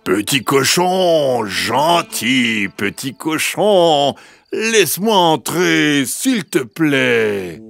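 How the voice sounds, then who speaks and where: Guy doing a sneaky big bad wolf, gravelly, drags out words, music under it. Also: a little high, big pitch swings, a bit bright, pitched above the performer's own voice, exaggerated voice. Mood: wheedling. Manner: slow, drawn-out, wheedling then threatening. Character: big bad male wolf, sly and menacing.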